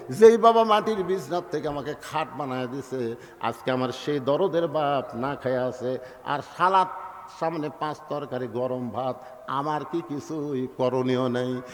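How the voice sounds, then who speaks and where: A high-pitched man delivers a waz sermon. He tells a family story dramatically, acts out each character's lines, and chants scripture. His voice carries a long, hall-like reverb. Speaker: preacher.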